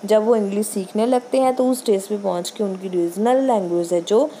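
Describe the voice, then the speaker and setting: A woman teacher with a Punjabi accent giving a lecture on English pronunciation, reading English lines slowly and explaining them quickly in Hindi. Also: medium pitch, dark tone, a little hiss or hum.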